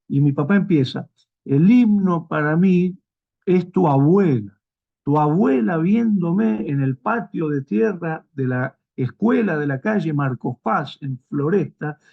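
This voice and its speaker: A man's voice: on the high side, vocal fry, lo-fi sound. A middle-aged man with a Rioplatense Spanish accent, lecturing at a seminar and telling a personal anecdote, acting out the dialogue in different voices. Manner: storytelling, acts out dialogue in varied voices. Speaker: guest lecturer.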